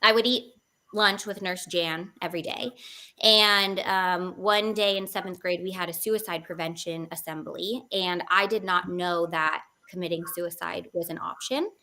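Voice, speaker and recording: A woman's voice: on the low side, steady tone, normal speed, sharp tone. A young woman in her twenties speaking as an interview guest, telling a personal story candidly with frequent fillers.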